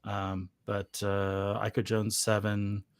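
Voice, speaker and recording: A man co-hosting a sports podcast who gives thoughtful, halting analysis of a volleyball match. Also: on the low side, completely flat delivery, smooth, no room sound. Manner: thoughtful, hesitant with fillers. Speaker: podcast co-host.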